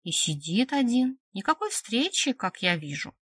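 A sly, teasing young woman, voiced by a woman reading a storybook, mocking her friend with a giggly, knowing tone. Her voice sits at a middling pitch, and the recording is dry and close. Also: sing-song, moderate pace, dry recording.

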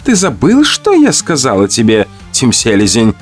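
A man reading aloud, voicing a fierce young woman who tames monsters in a high, solemn, insistent voice. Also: wildly swooping pitch, normal speed, faint music behind.

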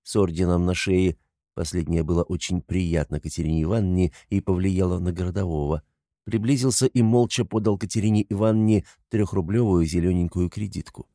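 A man's voice: low-pitched, fairly even intonation, fairly quick, mellow, dry recording. Man narrating an audiobook, dry sound. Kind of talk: scripted literary narration.

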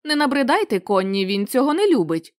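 A woman's voice: fairly high pitch, very animated, a little fast, no room sound, clean studio sound. A woman reading the part of menacing bouncers who speak curtly with a growl. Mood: gruff. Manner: gruff, growling, curt. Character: gruff, menacing casino bouncers.

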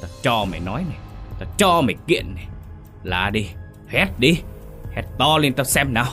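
A man's voice: medium pitch, very animated, moderate pace, sharp tone, faint music behind, voice pushed up. A man playing a brutal older village chief who growls and snarls his threats. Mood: savage.

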